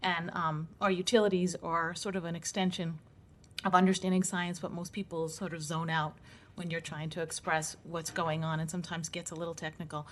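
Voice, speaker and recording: A woman giving an earnest, explanatory podium speech at a public meeting, halting as she finds her words. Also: lowish voice, level tone, slight background noise. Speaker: applicant, science educator.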